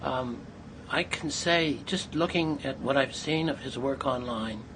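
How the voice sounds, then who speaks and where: A man hosting an interview speaks in an effusive yet halting way, filling pauses with ums and restarts. His pitch is ordinary for a man. Clear background ambience and noise sit behind his voice. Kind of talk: conversational interview.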